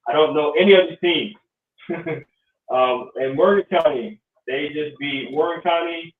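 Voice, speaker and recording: Rambling and full of ums, a podcast host chats casually about sports in a slightly high voice, going a little slowly. His audio comes through echoey, distant, and phone-like.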